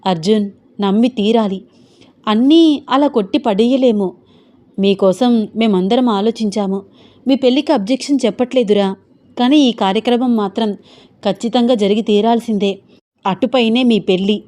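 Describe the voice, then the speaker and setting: A woman's voice: on the high side, moderate pace, darkish tone, close to an everyday voice. A woman voicing a firm, traditional middle-aged mother who insists sternly in a storybook reading.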